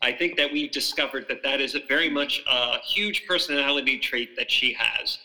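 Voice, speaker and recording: A man's voice: medium pitch, moderate pace, pushed and bright, poor audio. A man co-hosting a casual podcast chat about a film, talking in a hesitant way with many restarts. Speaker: podcast co-host.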